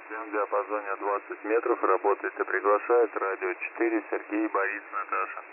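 A man's voice: fairly low pitch, little pitch movement, brisk. Faint man's voice bleeding through radio hiss. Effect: faint station bleeding through on another frequency. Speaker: radio amateur calling stations. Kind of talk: repeated on-air call. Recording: tinny shortwave radio with hiss.

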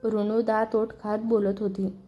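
A woman narrating a serialized family story in a steady, expressive reading. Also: medium pitch, measured pace, dull audio, soft background music.

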